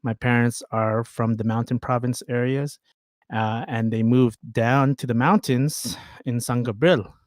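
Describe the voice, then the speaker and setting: An easygoing American man co-hosts a casual chat in a mid-range voice. His speech halts often and is filled with pauses and fillers, and the sound is dry and close. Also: medium pitch, fairly even intonation, a little mellow, dry recording. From United States. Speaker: co-host.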